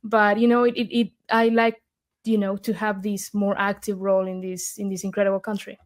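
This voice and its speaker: A young Argentinian woman, a guest in a conversational interview, talks fairly quickly in a mid-range, flat voice. She speaks earnestly and from the heart, with plenty of fillers and restarts.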